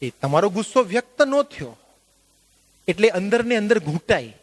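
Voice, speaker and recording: A man leading a workshop, lecturing a live audience in an animated, joking way and putting questions to the listeners. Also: sits high, moderate pace. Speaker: workshop trainer. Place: workshop at a religious venue.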